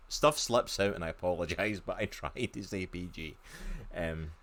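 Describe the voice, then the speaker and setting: Scottish man, 30s, Glasgow accent, very low voice, eager podcast co-host on a video call. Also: measured pace, fairly bright tone. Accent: Glaswegian Scottish. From Scotland, near Glasgow. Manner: chatty and enthusiastic, lots of fillers. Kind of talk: casual podcast chat. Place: home room.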